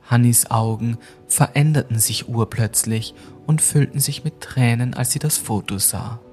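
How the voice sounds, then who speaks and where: A man narrating a scripted ghost story for a mystery podcast, measured and suspenseful. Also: mid-range voice, darkish tone, faint music behind.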